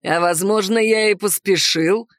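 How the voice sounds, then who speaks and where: A woman reading aloud and voicing an arrogant, boorish young werewolf man with a slow, leering, self-assured drawl. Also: mid-range voice, no room sound, studio quality, lightly acted. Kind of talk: audiobook character voice.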